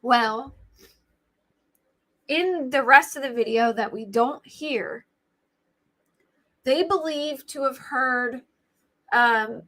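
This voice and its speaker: This American woman speaks very slowly with frequent pauses, her high voice sharp in tone and scratchy today. As host of a casual true crime livestream, she rambles informally and thinks aloud in chat-style commentary.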